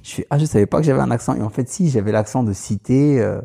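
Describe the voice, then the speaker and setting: A man from the Paris suburbs, with that local accent, tells stories as a guest in a casual chat, speaking quickly in a medium-pitched, creaky voice with a breathy edge. He's animated, laughs often and mimics other people's voices in his anecdotes.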